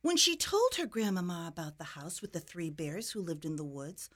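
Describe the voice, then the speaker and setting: A woman reading a children's fairy tale aloud in an expressive bedtime storybook style. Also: lowish voice, moderate pace. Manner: expressive, sing-song storytelling.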